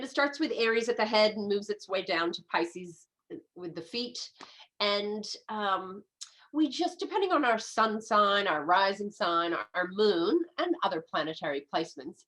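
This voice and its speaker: Her medium-pitched voice is nasal and a bit stuffed-up, the remnant of a lingering head cold. This American woman in her fifties, from the United States, appears as a medical astrologer on a relaxed podcast interview, chatting eagerly while frequently stumbling and starting her sentences over.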